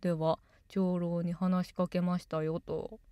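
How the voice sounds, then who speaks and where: A woman's voice: lowish voice, flat delivery, measured pace, mellow, clear, resonant tone, dry recording. A woman doing casual let's-play commentary and reading along with the game. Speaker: game streamer.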